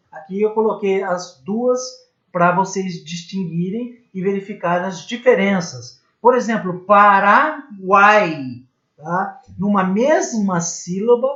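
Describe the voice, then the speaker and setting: A man with a Brazilian Portuguese accent teaching a recorded grammar lesson, patiently repeating and spelling out examples and checking in with his students. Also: high voice. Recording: echoey room, dull lo-fi sound.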